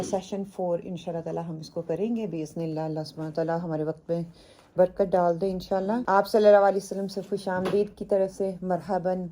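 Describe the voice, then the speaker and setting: A woman teaching a Quran translation lesson, mixing in English words, opening with prayers and repeating word lists slowly for her students. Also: on the low side, dark tone, a little hiss or hum. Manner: opens with prayers and blessings. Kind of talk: Urdu language lesson mixed with English.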